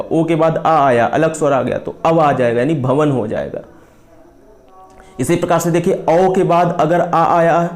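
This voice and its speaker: Guy teaching grammar, kinda high voice, keeps repeating stuff and answering his own questions. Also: a little mellow. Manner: repetitive, asks and answers his own questions, stretches out vowel sounds. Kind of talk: classroom grammar lesson.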